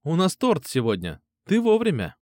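A man's voice: fairly high pitch, huge pitch swings, moderate pace, darkish tone, dry recording, studio quality, pitched above the performer's own voice. A man reading an audiobook, voicing a caring, chatty middle-aged mother in a raised voice. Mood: cheerful. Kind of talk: audiobook character voice.

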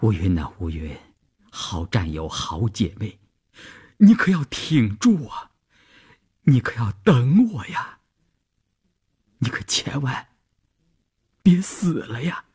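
A man reading a radio serial, voicing an anxious older woman who pleads softly in a half-whisper. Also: a bass voice, measured pace, breathy edge, exaggerated voice. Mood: pleading.

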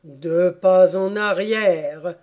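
A woman reading an audiobook voices a weepy, sentimental sea-turtle creature with a drawn-out, plaintive delivery. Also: on the low side, darkish tone, lo-fi sound. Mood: doleful.

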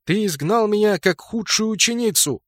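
A man voicing a vengeful goddess, a fierce and mocking woman who shouts her lines in a shrill, drawn-out way. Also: big pitch swings, no echo, studio quality, heavily acted. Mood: furious.

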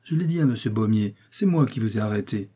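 A man's voice: lowish voice, animated, fast talker, dark tone, slightly rough. A man voicing a confident master detective who speaks firmly and reassuringly. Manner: firm, reassuring.

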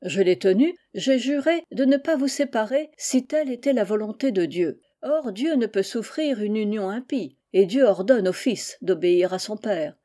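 Suspicious king in an audiobook, firm emphatic lines, warm dark tone, read by a woman. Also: medium pitch, animated, normal speed, hardly any pauses, close to an everyday voice. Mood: stern. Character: suspicious, frightened old king.

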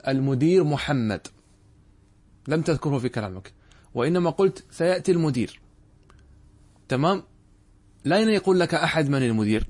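A man teaching a grammar lesson in a measured way. He repeats key points and often stops to check that his listeners understand. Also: mid-range voice. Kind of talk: classroom lesson explaining a text.

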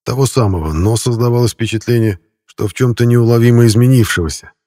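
An audiobook reader with a mid-range voice narrates a novel in a steady, measured storytelling style. It's scripted narration, recorded dry with studio quality.

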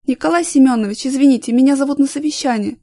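A fussy office woman, squeamish and exasperated, turning sugary for clients, played by a woman reader. Her voice is fairly high and recorded dry and close. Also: quick pace, dark tone, no echo. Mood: fawning. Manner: exasperated, fawning on the phone.

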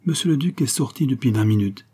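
A man's voice: medium pitch, expressive, quick pace, dark tone, slightly rough, pitched above the performer's own voice. A man reading aloud, voicing a deferential male household servant. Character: polite male household lackey.

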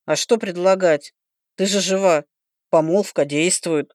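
A woman's voice: fairly low pitch, unhurried, darkish tone, no room sound, studio quality, natural voice. A woman reading an audiobook, voicing a young male dragon student who talks in a blunt, teasing, matter-of-fact way. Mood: wry. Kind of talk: audiobook character voice.

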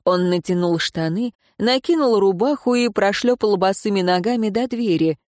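A woman reading fantasy fiction aloud in a steady, measured narration. Her mid-pitched voice sits close to the mic in a dry, unreverberant booth. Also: no echo. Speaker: audiobook narrator. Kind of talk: scripted narration.

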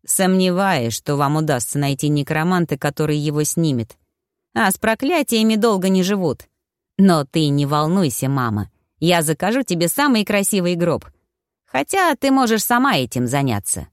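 A woman's voice: on the low side, lively intonation, normal speed, no echo, clean studio sound, lightly acted. A woman reading an audiobook, voicing a sarcastic, defiant young man who mocks his family. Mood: mocking. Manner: mocking, biting, scornful.

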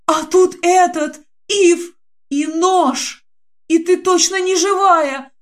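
A woman voicing a frightened, tearful young woman who talks in a high, breathless, pleading rush. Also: fairly even intonation, slow.

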